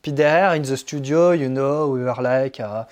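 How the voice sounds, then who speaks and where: A man's voice: medium pitch, measured pace, lightly acted. A man putting on a French male singer who speaks casual English in a breezy, name-dropping way.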